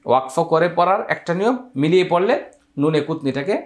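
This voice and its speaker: A man gives a Quran recitation lesson, walking through each rule step by step. His voice sits slightly high. It rings out in an echoey room. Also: animated. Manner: explains rules step by step, drawing out Arabic words slowly. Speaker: Quran teacher.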